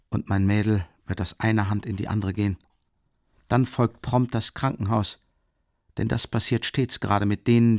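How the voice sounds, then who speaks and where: A man's voice: lowish voice, vocal fry, a little mellow, no echo, clean studio sound. A man voicing a tormented young student. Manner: shifts between outbursts and bitter brooding. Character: agitated brooding young male student. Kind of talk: audiobook character voice.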